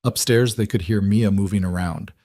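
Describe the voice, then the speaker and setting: Man, storyteller, low voice, grave measured narration, dry close studio mic. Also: a little mellow, no room sound. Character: hurt, betrayed single father, Daniel. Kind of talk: dramatic audiobook narration.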